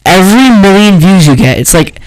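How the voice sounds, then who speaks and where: A man's voice: high-pitched, lively intonation, fairly quick, low-quality recording. A man co-hosting a casual podcast, rambling with lots of fillers and slang. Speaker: podcast co-host. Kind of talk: casual chat.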